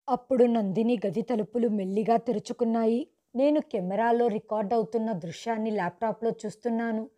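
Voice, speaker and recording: A woman's voice: on the high side, mellow. A woman giving a dramatic, suspenseful first-person story narration from a script.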